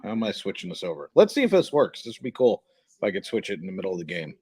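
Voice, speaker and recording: Here a low, husky, darkish male voice races along with big pitch swings. He's a live stream host calling hockey play by play, welcoming viewers with informal chatter that wanders as he handles several tasks at once.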